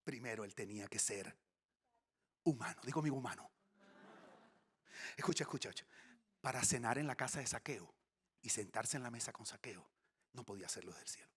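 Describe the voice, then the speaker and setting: A man's voice: mid-range voice, fairly quick, long pauses, breathy edge. A male pastor delivering a sermon before a congregation. He tells stories with comic flair and sometimes drops into a whisper. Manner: animated, comic storytelling with dips into whispers. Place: church stage before a congregation.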